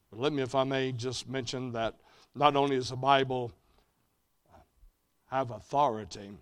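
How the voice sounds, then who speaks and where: Man preaching, sermon delivery, bright forceful tone, swells loud then falls quiet. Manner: builds to loud, emphatic peaks, then drops low and quiet. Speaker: preacher at a mission conference.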